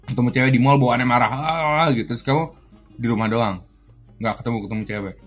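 Brief: man, husky, chatty self-help host, faint music under. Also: mid-range voice, steady tone, fast talker, a bit bright. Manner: chatty slang-heavy Jakarta talk, acts out little scenes. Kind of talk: casual video monologue.

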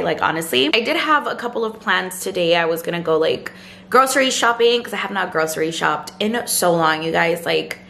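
Brief: young woman vlogger, low-ish gravelly voice, worn out after a night shift, chatty and rambling, handheld camera at home. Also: a bit bright. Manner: chatty, frequent "like" and "you guys". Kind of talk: casual vlog chat. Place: sitting on a couch at home. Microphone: handheld vlog camera.

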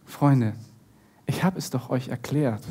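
A man voicing a calm adult Jesus who speaks slowly and reassuringly, in a slightly husky voice during a sermon. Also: sits high, full character voice. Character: calm risen Jesus, adult man, gentle and matter-of-fact.

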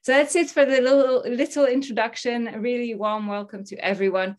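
A woman's voice: a little high, fairly even intonation, a little fast. A woman in her thirties hosting an online talk show from a home office. She sounds upbeat and welcoming, speaking into a laptop webcam on a video call. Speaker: host.

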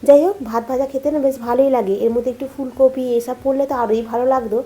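A chatty woman talks her viewers through her day at home, her voice a little high and mellow. She keeps checking in with the audience as she goes. The room rings with echo, and faint music plays underneath. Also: steady tone, quick pace. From India. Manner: chatty, keeps turning to viewers with "you know". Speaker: daily vlogger. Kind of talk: casual vlog narration. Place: home kitchen, indoors.

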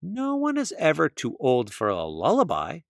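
A man voicing a kind, firm female fox teacher in a storybook, gentle but encouraging. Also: on the high side, huge pitch swings, moderate pace, gravelly, no room sound, studio quality, exaggerated voice.

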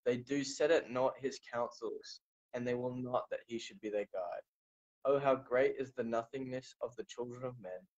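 A man reading scripture and sharing a devotional message from a chapel over a video call, his unstable internet stream breaking up and his speech halting with fillers and restarts. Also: mid-range voice, darkish tone, muffled recording. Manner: hesitant, many fillers and restarts. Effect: choppy, breaking-up internet stream audio.

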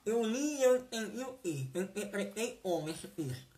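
A woman's voice: medium pitch, animated, moderate pace, mellow. A woman teaching sign language vocabulary, saying each word and repeating it, often checking whether the class has understood.

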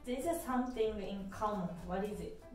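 A woman's voice: medium pitch, a little fast. A young woman, a native Japanese speaker with a Japanese accent, playfully hosting a casual quiz in English as a second language. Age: young adult. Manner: playful, giggly. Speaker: quiz host. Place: small indoor bathroom. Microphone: camera a few steps away. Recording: echoey bathroom, distant microphone, music behind.

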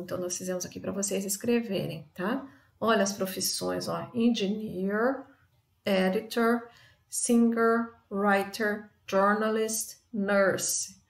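A woman's voice: medium pitch, creaky, echoey room. A woman teacher explaining grammar step by step, checking in with "tá?" as she goes. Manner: explains step by step, often adds "tá?". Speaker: English teacher. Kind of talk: recorded remote lesson.

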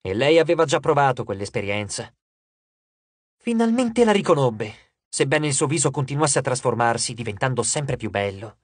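Expressive, husky audiobook narrator. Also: mid-range voice, no echo. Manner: expressive, measured storytelling.

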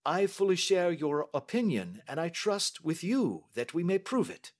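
A man voicing a brisk, astute Victorian gentleman detective with crisp, courteous questioning, in audiobook style. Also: high-pitched, big pitch swings, voice pushed up, full character voice. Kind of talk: audiobook character acting.

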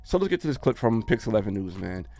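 A man's voice: fairly low pitch, very animated, quick pace, dark tone, soft background music. A man hosting a reaction commentary video, talking casually and repeating his points with exasperation. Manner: exasperated, repetitive emphasis.

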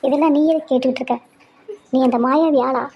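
Woman playing a fierce young heroine, snappy and defiant, high voice, noisy audio. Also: steady tone, fast, lo-fi sound. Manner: defiant, sharp. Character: brave defiant young woman rescuing her sister.

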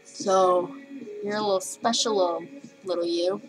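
A woman's voice: lowish voice, steady tone, measured pace, rough recording. Giggly, nervous teenage girl rambling. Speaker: vlogger. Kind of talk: casual video message to a crush. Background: faint music playing.

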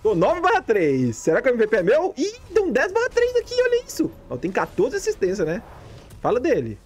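A man from Brazil, a gaming streamer giving excited, jokey commentary as he plays, repeating his callouts and shouting at big plays. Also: very high voice, brisk, a little hiss or hum.

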